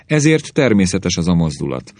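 A man's voice: low voice, sing-song, a little mellow, dry recording. A man voicing a stern, pedantic professor of physical education who lectures and corrects. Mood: lecturing.

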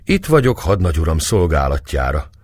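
A man's voice: rumbling low, big pitch swings, no room sound, exaggerated voice. A man voicing a cheeky young manservant making excuses, in a dry audiobook recording. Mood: sheepish.

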